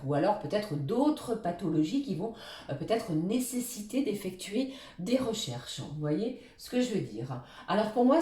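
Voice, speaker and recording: A woman giving a weekly astrology card reading, hesitant with many fillers, talking warmly to her viewers as friends. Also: medium pitch, echoey room, distant mic. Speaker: tarot reader.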